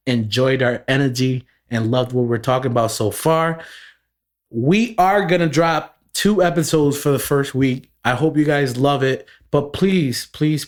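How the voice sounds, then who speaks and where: A man around thirty co-hosting a podcast in casual, profane chat, often laughing. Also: medium pitch. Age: 30s. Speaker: podcast co-host.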